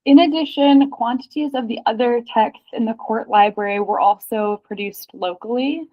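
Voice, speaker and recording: A woman in a casual research chat, excitedly reading history passages aloud in quick bursts. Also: on the high side. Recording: dull lo-fi sound.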